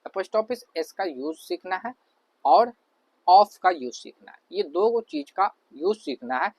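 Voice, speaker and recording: A man's voice: high-pitched, lively intonation, slow pace, a little mellow, dry recording. Patient male teacher, dry close recording. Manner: explains patiently, with frequent fillers and repetition. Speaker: online language teacher. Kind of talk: classroom lecture over slides.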